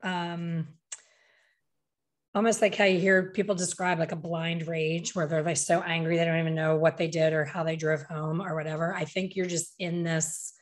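A woman's voice: lowish voice, little pitch movement, normal speed. A woman in her fifties, a hair color educator talking animatedly on a video call, gesturing with her hands and acting out what people say. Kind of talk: casual video call interview. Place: small bright room at home. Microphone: desk microphone on video call.

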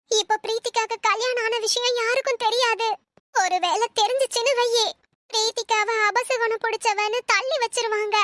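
Woman doing a high squeaky cartoon mom, anxious and weepy, dry close mic. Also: bright, forceful tone, no room sound. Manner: emotional, worried pleading delivery. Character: tearful anxious middle-aged mother of a family. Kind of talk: Tamil cartoon voice acting.

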